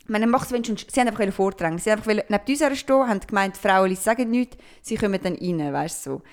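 A young woman with a Swiss German accent, chatting casually and telling lively anecdotes full of acted quotes. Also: medium pitch, rapid-fire. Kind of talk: casual chat, storytelling.

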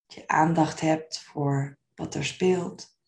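Gentle and unhurried, a woman paces her guided meditation slowly, keeping the tone soft and soothing. Her pitch is low and barely moves, and a creaky quality shows up where her phrases end.

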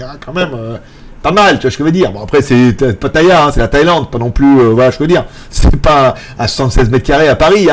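A man hosting a casual tech live stream, rambling and joking, laughing often and mimicking other people in a high voice. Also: slight background noise. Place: apartment in Thailand.

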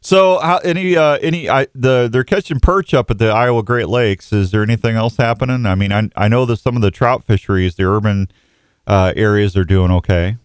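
A man's voice: on the low side, a little fast, smooth, no echo, studio quality. A man hosting an outdoors radio show, chatting casually and jokingly with callers in a folksy way. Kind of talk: casual live sports radio chat with callers. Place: radio studio. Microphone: close studio microphone.

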